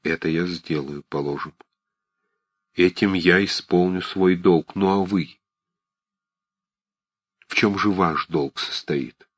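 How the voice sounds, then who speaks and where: A heartbroken nobleman pleads with passion, voiced by a man reading the book. The voice is deep and a little husky. The recording is close and dry. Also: slow pace, long pauses, no room sound, full character voice. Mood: bitter. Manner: impassioned, pleading.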